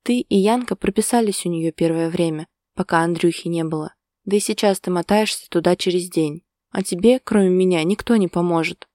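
A woman's voice: lowish voice, a little fast, mellow, dry recording, studio quality, lightly acted. Woman voicing a weary, sarcastic young man. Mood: tired, irritated. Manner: tired, sarcastic. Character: weary grumbling young man, evasive partner.

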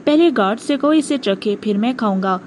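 A woman's voice: on the high side, lively intonation, a little mellow, a little hiss or hum, natural voice. A woman reading the part of a frightened, stubborn young male captive in an audiobook, by turns defiant and fearful. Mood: suspicious.

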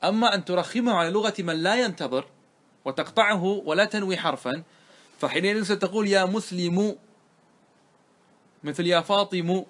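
A man's voice: high-pitched, fairly bright tone. Man teaching a grammar lesson. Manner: asks the students questions and answers them himself; slows down to quote the verse. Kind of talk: explaining a grammar poem line by line.

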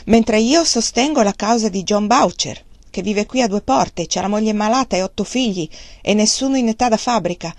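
A woman's voice: medium pitch, moderate pace, few pauses, no room sound, close to an everyday voice. Woman reading as a defiant angry mill worker man. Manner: defiant, scornful. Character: blunt angry middle-aged male mill worker.

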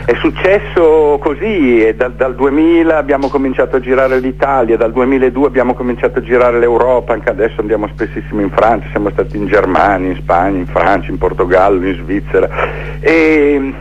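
Interviewed on the radio, a middle-aged man who makes theatre talks briskly in a mid-range voice, reflecting on his story and stacking up lists through repeated phrases. The audio is lo-fi, with a little background noise.

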